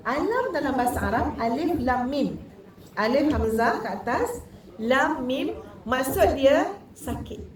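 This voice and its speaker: A woman religious teacher with a Malaysian Malay accent, giving a lively, conversational talk to women and often questioning her listeners. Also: high-pitched, measured pace, crowd noise. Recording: echoey hall, distant mic.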